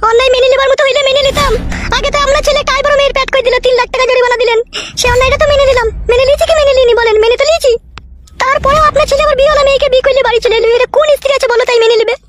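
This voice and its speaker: Shrill, rapid-fire scolding mother, foul-mouthed and bossy, music underneath. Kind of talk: comic sketch dialogue.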